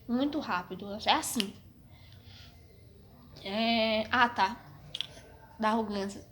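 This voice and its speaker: Her voice a little high and fairly bright, a young woman vlogger with a Brazilian Portuguese accent slowly recounts something personal to camera. She's frank yet hesitant, full of restarts, and gives a slight cough.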